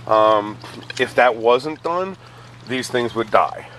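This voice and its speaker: Standing by buckets on pavement outside, a middle-aged man explains a hydroponic bucket system in a casual how-to as he records, filling pauses with ums and uhs. He reviews hydroponics, and his mid-range voice is expressive, slow, and fairly bright, captured roughly with a little background noise.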